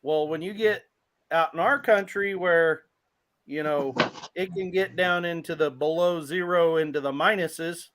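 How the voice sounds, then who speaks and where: A man's voice: fairly high pitch, unhurried, a bit bright. A man, chatty and teasing in a casual talk. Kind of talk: casual chat.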